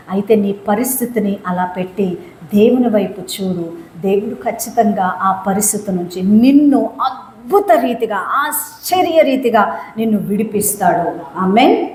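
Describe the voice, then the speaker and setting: A woman's voice: mid-range voice, mellow, echoey room, slight background noise, poor audio. A woman preacher delivering a fervent sermon, stressing and repeating her phrases.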